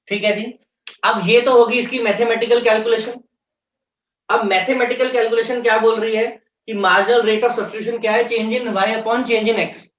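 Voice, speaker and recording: Echoey, distant economics teacher. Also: male voice, high voice, fairly bright tone, a little hiss or hum. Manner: explains step by step, repeats key terms slowly. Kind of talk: classroom lecture mixing Hindi and English. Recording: echoey room, distant mic, dull sound.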